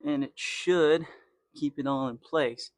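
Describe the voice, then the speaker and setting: A young man talks his way through a rear axle job in his garage, swearing freely and grumbling as he goes. His voice sits a little higher than most men's, and he speaks slowly. The sound is dry and close, with little room echo. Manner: swears freely, muttering and complaining while wrenching. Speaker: garage channel host. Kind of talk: casual workshop narration while working. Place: home garage.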